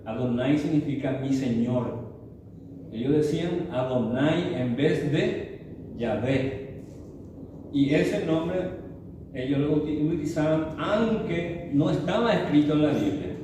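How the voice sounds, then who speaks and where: A man teaching a church Bible class, explaining slowly and often checking with the class through tag questions. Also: a little high, animated. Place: church hall. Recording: distant mic in very echoey hall, faint room noise.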